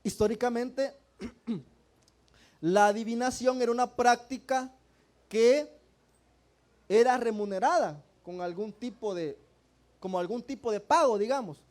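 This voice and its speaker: A man's voice: very high-pitched, measured pace, pauses often, a little mellow. A man preaching a sermon in church, often turning to his congregation with questions and calling them brothers. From El Salvador.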